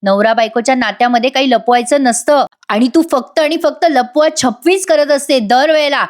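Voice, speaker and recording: A woman's voice: high-pitched, moderate pace, close to an everyday voice. Woman reading as a reproachful angry husband. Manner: reproachful, interrogating. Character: angry distrustful young husband.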